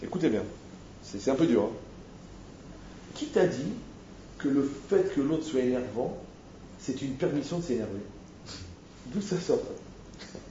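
A man's voice: mid-range voice, animated, measured pace, long pauses, mellow, a little hiss or hum. A man teaching an informal Torah lesson, talking animatedly, firing rhetorical questions and speaking straight to his listeners. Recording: echoey, dull-sounding room recording.

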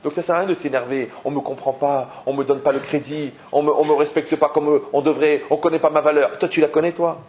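A rabbi teaches a Torah lesson in a fairly high voice, animated and questioning his listeners, circling back over his points. The recording is dull and lo-fi. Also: brisk, few pauses, slight background noise. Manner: animated, rhetorical questions, repeats himself.

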